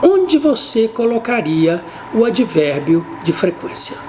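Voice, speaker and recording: Brazilian Portuguese-accented woman, English teacher, careful slow delivery, animated intonation, faint noise behind. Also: fairly high pitch. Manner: says English examples slowly and carefully. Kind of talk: explanatory language lesson.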